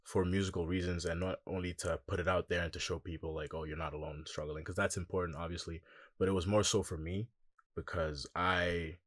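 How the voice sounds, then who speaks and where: A young man with a very deep, low voice tells his story in a relaxed, reflective way, often pausing on "um" and "like". He speaks as a musician guest in a casual interview. The sound is close and dry, with no room around it. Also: no room sound. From Congo.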